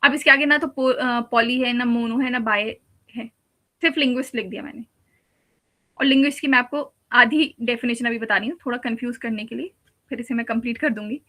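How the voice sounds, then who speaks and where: A woman's voice: on the high side, fairly even intonation, brisk, bright, forceful tone. A woman teacher giving a patient exam-prep lecture, explaining step by step with repeated examples. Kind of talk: exam-prep lecture mixing Hindi and English.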